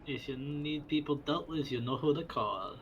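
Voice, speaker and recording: A man's voice: a little high, normal speed, highs cut off, slight background noise. A man playing a tabletop game, joking and teasing in casual chat. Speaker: player.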